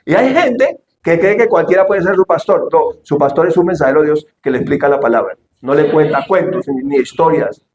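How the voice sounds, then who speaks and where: A male pastor delivering an animated sermon, shouting the quoted lines and asking the congregation questions. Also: fairly high pitch, a little fast, hardly any pauses, roomy sound, highs cut off. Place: church hall.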